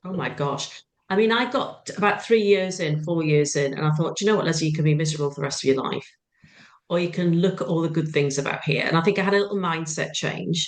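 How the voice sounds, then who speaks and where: A woman's voice: low-pitched, quick pace. A woman, co-hosting a podcast in a casual chatty way and quoting her own thoughts. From England. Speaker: podcast co-host. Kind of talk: casual chat.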